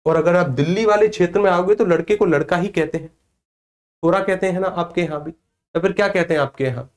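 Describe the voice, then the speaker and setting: A Hindi teacher from the Vrindavan area of northern India runs an exam coaching class, speaking fairly quickly in a slightly high voice. He poses questions to the class, answers them himself, and hammers home the key point repeatedly.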